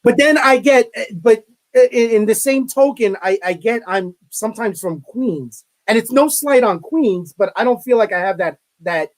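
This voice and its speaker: A middle-aged man from Brooklyn, New York, speaks with a Brooklyn accent in a high, expressive voice at a moderate pace. He's a college media relations director appearing as an interview guest, chatting casually, often repeating his words and tossing in self-deprecating asides.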